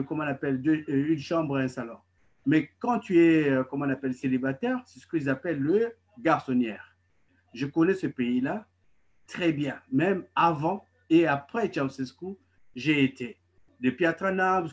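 A man's voice: a little high, breathy edge. A middle-aged man from Congo, a guest on a video call at home, giving emphatic political commentary and often restarting his sentences. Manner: emphatic, halting with many restarts. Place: home living room. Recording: dull lo-fi video call audio.

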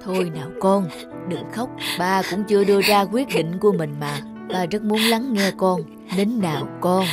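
A woman voicing a gentle, patient widowed father who talks in a soft, soothing way, with music playing behind. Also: mid-range voice, moderate pace, lightly acted. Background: background music.

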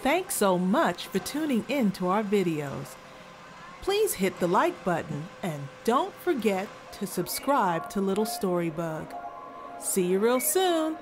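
Woman narrating kids' vlog, lively pitch. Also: measured pace, over music. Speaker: video host.

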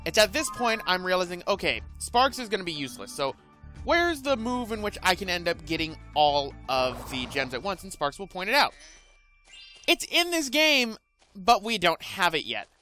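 A man's voice: high-pitched, very animated, normal speed, bright, forceful tone. A man hosting a let's play, giving rambling, sarcastic gameplay commentary. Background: faint game music.

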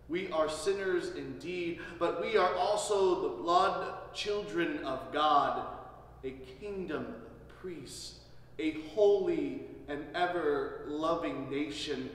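A male pastor leading an evening service in measured, solemn phrases that fade softly at the ends, his voice carrying a cathedral-like echo. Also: fairly high pitch, slight background noise. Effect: cathedral-like echo, long church reverb. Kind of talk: Ash Wednesday sermon and liturgy. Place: large church. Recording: distant mic in echoey church hall.

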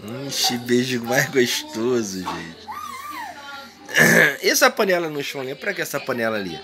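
Um homem com sotaque brasileiro, filmando o bebê com o celular num quarto pequeno e falando com ele em tom carinhoso e arrastado. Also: male voice, mid-range voice, very animated, music in the background. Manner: doting baby talk, drawn-out words, playful questions. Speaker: parent filming his baby. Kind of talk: casual home video. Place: small bedroom indoors. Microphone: handheld phone camera, speaker behind it.

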